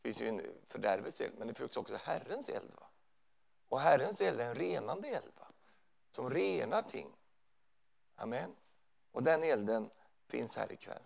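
Gravelly-voiced male preacher. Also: medium pitch, big pitch swings, long pauses. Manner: conversational preaching with frequent tag questions. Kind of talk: sermon. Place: church hall.

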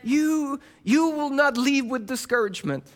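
Fervent high-voiced male pastor. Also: lively intonation, unhurried. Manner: fervent, emphatic preaching. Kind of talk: sermon.

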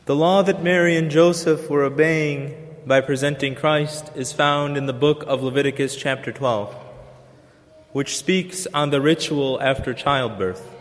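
A man preacher delivering a sermon in an earnest, measured way with pauses. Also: on the high side. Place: church. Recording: long church reverb.

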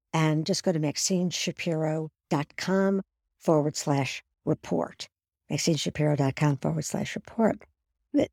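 Gravelly-voiced woman host telling stories. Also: mid-range voice, dry recording, studio quality. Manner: animated, acts out dialogue in her stories. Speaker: host and coach. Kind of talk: storytelling monologue.

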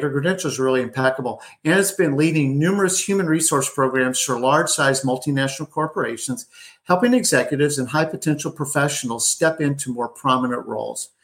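A man hosting an interview show, upbeat and chatty, with frequent fillers and restarts. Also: mid-range voice. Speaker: podcast host.

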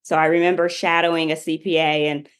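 A woman's voice: low-pitched, level tone, a little fast, clear, resonant tone. Chatty woman telling her story. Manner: chatty, many fillers like "you know". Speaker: interview guest. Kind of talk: casual interview storytelling.

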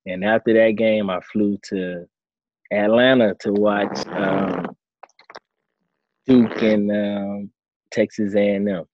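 A man in his thirties, a former quarterback turned coach, answering interview questions in a relaxed storytelling way. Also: lowish voice, slow pace, pauses often, muffled recording. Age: 30s. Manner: relaxed storytelling, acts out his own past thoughts.

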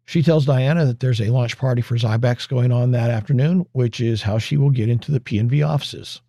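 Guy doing a casual podcast recap, mellow tone, dry close mic, kinda wry. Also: medium pitch, fairly quick, no room sound. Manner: wry, conversational recap with asides. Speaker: podcast host. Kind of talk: episode recap narration.

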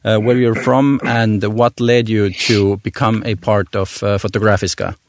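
A man with a fairly low voice speaks as a podcast host and interviewer. The sound is dry, with little room around the voice. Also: level tone, moderate pace, no echo. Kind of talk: podcast introduction and interview questions.

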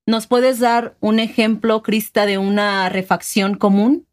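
A woman's voice: mid-range voice, flat delivery, unhurried. A woman from Mexico, hosting a casual conversation and asking follow-up questions about regional words. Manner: inquisitive, explaining and asking follow-ups. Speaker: host.

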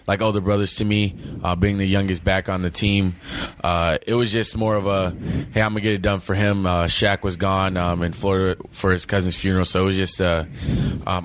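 A young man, a college freshman running back, answering interview questions in a halting way, full of fillers and restarts. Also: deep voice, slight background noise. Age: young adult. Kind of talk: post-game interview.

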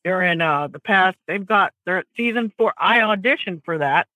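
A Southern woman from the American South, a comedian appearing as an interview guest, chats casually and animatedly, laughing easily. Her voice sits on the low side at a moderate pace. The recording is dry and the audio poor.

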